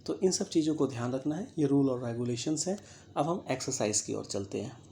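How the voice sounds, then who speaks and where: A teacher with an Indian English accent explaining English grammar step by step, talking slowly and deliberately, spelling words out letter by letter and often checking understanding. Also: mid-range voice, animated, warm tone, a little hiss or hum. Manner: slow, deliberate, checks understanding with frequent "theek hai". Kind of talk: recorded classroom-style grammar lesson.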